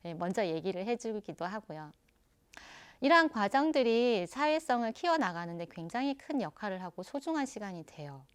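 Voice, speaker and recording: Calm woman lecturing parents. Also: medium pitch, normal speed, clean tone. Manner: calm, explanatory, addresses parents directly. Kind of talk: online parent-education lecture.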